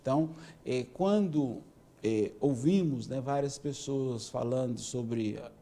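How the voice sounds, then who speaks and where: A man, speaking as an interview guest. His voice is mellow and mid-pitched, and he explains things step by step, tagging his sentences with "né". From Minas Gerais, Brazil. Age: 50s. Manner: measured, explanatory, with many "né" tags. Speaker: police chief, interview guest. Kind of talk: interview answers.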